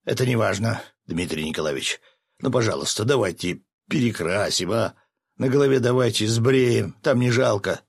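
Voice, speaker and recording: A man doing a shrill, whiny bearded fisherman. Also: moderate pace, creaky, breathy edge, dry recording, clean studio sound. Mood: pleading. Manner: shrill, indignant protesting.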